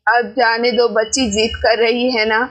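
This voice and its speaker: A woman voicing an elderly village grandmother in a doll story. She speaks slowly in a lowered, doting voice. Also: level tone, fairly bright tone. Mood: indulgent.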